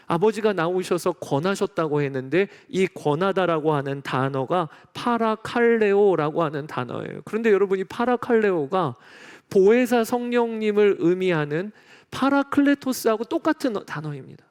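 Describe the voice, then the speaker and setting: A man with a notably high voice delivers a church sermon. His preaching is earnest and heartfelt, and he keeps speaking straight to the people in front of him. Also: lively intonation, moderate pace, clear, resonant tone. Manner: earnest, pleading preaching with repeated direct address. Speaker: pastor. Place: church sanctuary.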